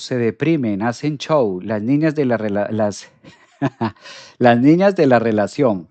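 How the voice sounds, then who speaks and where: On a live astrology stream, a man reads viewer comments and speaks directly to his audience. His voice sits in a normal middle range, and he's animated, repeating phrases for emphasis. The recording is dry and close, with no room echo.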